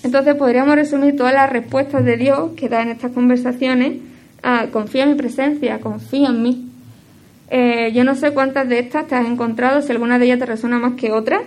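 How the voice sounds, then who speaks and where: A woman delivers a devotional teaching in a slightly high voice. She speaks reflectively and haltingly, with many fillers and self-corrections, and her phrases often fade quieter at the end. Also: steady tone. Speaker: speaker giving a devotional talk.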